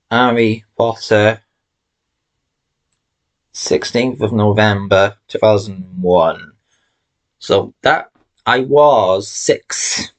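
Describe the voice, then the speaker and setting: Tired, rambling man in his thirties. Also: fairly low pitch. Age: 30s. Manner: rambling, chatty, swears casually, self-correcting. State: tired and yawning. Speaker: collection vlogger. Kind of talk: casual chat showing a film collection.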